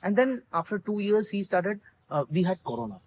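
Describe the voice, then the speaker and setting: A man's voice: high voice, big pitch swings, fairly quick, a little mellow. South Indian man storytelling, noisy background. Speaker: interview guest, volunteer community organiser. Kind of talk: conversational storytelling.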